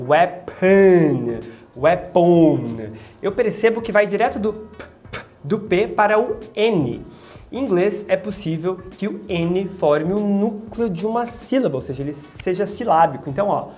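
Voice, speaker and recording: A woman teaching English pronunciation, explaining sounds and repeating them slowly to demonstrate. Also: mid-range voice, a little mellow. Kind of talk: explanatory lesson narration.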